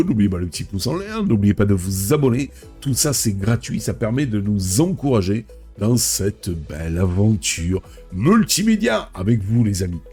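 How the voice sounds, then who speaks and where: A man hosting a tech video reads a news script and then chats about it personally, clearly stuffy from a head cold. His voice is on the low side, warm, with a breathy edge.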